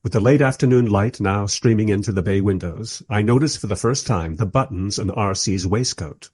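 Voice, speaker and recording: In a radio play, a male actor with a low, darkish voice portrays a wry, irreverent writer. He delivers his lines dryly and with measured care, a little husky, serving as both narrator and courteous interviewer.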